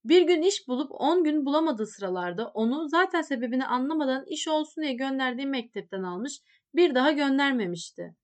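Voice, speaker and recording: A woman with a high voice narrates a literary story. Her reading is measured and expressive, carrying the scenes along steadily.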